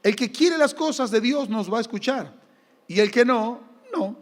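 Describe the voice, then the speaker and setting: A man with an Argentine accent preaches with lively emphasis, his voice pitched notably high. He moves between firm exhortation and humorous anecdote. The recording carries the long reverb of a church hall. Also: normal speed. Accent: Argentine Spanish. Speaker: pastor. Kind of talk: sermon.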